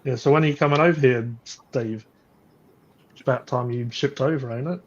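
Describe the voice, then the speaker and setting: A man's voice: mid-range voice, fairly quick. A man with an Australian accent who hosts a casual group chat, teasing his guests in a friendly way. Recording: dull lo-fi audio.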